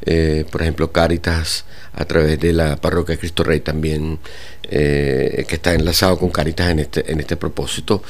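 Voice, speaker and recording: Deep-voiced older Venezuelan man, halting. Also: little pitch movement. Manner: halting, many fillers and restarts. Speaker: guitar teacher and orchestra director. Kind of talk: radio interview.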